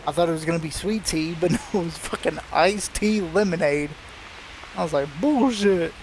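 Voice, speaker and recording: A man's voice: fairly high pitch, a little fast, a little hiss or hum. Rambling, cursing young male streamer. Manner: rambling, heavy swearing, laughs at himself. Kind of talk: casual live-stream chat.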